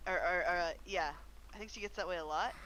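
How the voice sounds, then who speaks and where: A friend keeping a streamer company, chatting in a relaxed, rambling way with lots of "like". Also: mid-range voice, fast talker, muffled recording, slight background noise. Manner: relaxed, rambling, many likes. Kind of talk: casual chat.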